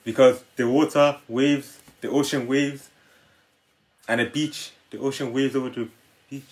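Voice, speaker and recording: A man's voice: medium pitch, steady tone, unhurried. A man on a reaction show, telling puns to friends in casual chat, pushy and laughing at his own jokes.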